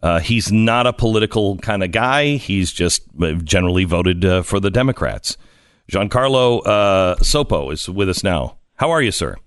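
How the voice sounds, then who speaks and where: Low-voiced radio host, dry studio sound. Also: male voice, lively intonation, smooth, dry recording. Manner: conversational, pauses with fillers. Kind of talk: talk radio interview. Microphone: studio mic.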